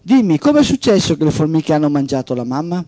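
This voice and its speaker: A patient, gentle woman emergency operator, played by a man reading a story aloud. She coaxes with short questions in a raised, mellow voice. The sound is dry and close. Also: on the high side, sing-song, fast, no room sound.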